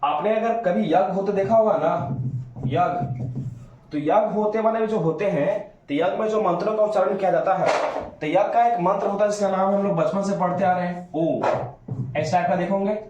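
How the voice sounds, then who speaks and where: High-voiced teacher in echoey room. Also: male voice, a little mellow, highs cut off, a little hiss or hum. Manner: drawn-out demonstrative vowel sounds, coaxing questions to students. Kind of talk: classroom grammar lesson.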